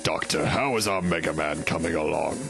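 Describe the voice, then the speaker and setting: A man's voice: rumbling low, fairly quick, vocal fry, music in the background, pitched below the performer's own voice. A man voicing a grave, commanding villain lord in a game, with a stately, pompous regal delivery. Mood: cold, commanding.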